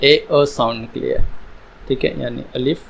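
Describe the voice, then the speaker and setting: A man teaching an English pronunciation lesson, drawing out each letter sound slowly. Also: mid-range voice, fairly even intonation, gravelly, breathy edge, poor audio. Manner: slow, drawn-out sounding of letters. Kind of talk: slow spoken English lesson.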